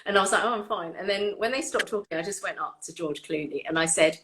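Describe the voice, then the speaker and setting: Chatty woman with a bright voice. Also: on the low side, fast, slight background noise. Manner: chatty, laughs often, animated retelling. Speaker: orchestra violinist and host. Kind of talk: casual chat.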